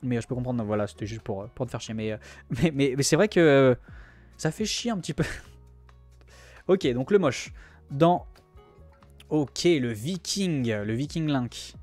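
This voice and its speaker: A man's voice: mid-range voice, moderate pace, pauses often, a little mellow, soft background music. A young man streaming, chatting casually and joking with his chat, teasing and rambling.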